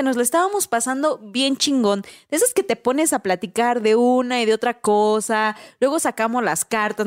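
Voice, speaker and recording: A woman with a Mexican accent, telling a story in a casual, animated way, full of slang and tag questions. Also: fairly high pitch, dry recording, studio quality. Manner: animated, slangy, tags lines with "¿no?" and "güey".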